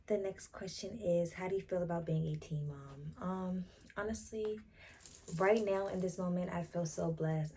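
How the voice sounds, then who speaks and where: A woman's voice: low voice, creaky, slight background noise. A teenage woman answering viewer questions in a casual, matter-of-fact vlog chat. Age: teens. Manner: relaxed, drawn-out, matter-of-fact. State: out of breath. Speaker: vlogger.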